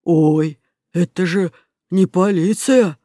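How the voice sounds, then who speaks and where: A woman narrator becomes a grumpy bearded burglar from a children's tale. He talks in a low, slow grumble, as if every word is an effort, and he sounds a little far from the mic in a dry, close room. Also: gravelly, mellow, no room sound, full character voice. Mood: surprised. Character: gruff bearded male art thief, sulky.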